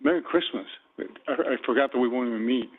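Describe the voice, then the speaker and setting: A man's voice: mid-range voice, quick pace, slightly rough. A man speaking as a council member, friendly and inviting. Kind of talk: council meeting remarks. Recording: tinny phone-like broadcast audio.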